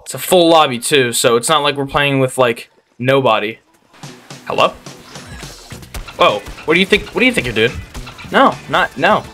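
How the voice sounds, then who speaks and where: A young man giving gameplay commentary as a channel host, ranting in exasperation and bursting into loud disbelief. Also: medium pitch, expressive, normal speed, pauses often, soft background music.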